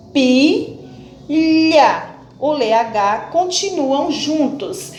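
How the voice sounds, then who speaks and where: Woman, teacher, slow patient phonics explainer, slightly high voice, echoey room. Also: darkish tone. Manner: slow, stretches out syllables when splitting words; patient and explanatory, asks questions and answers them herself. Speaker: primary school teacher. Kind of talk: classroom phonics lesson. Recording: echoey room with faint background noise.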